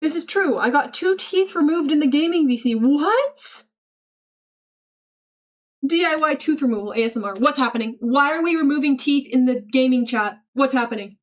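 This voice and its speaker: High-voiced playful woman streamer. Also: fast, few pauses. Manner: playful, reads chat aloud and answers it with mock-serious bits. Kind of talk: casual livestream chat.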